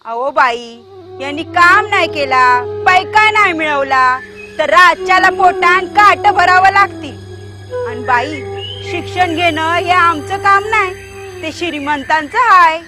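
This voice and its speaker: A woman's voice: extremely high pitch, slow, over loud music. A woman playing a poor widowed village mother who scolds her children bluntly. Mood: stubborn. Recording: background film score under voice.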